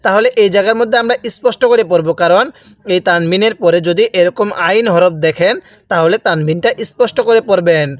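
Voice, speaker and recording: Man, Bangladeshi accent, Quran reading teacher, drawn-out recitation, fairly high pitch, dry close sound. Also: no echo. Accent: Bangladeshi Bengali. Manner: drawn-out recited words between quick explanations. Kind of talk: slow spelled-out Quran reading lesson.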